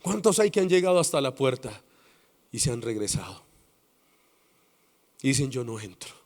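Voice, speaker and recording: A man with a Colombian accent preaching a sermon as pastor, dramatic and swinging between loud passages and hushed ones. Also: mid-range voice, sing-song, normal speed.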